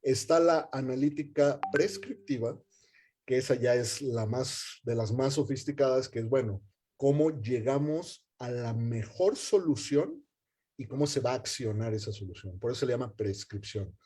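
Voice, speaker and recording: Guy with a mellow voice explaining data stuff, lots of ehs and restarts. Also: medium pitch, moderate pace, husky. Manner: hesitant, many fillers and restarts. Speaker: guest data scientist. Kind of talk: explanatory webinar talk.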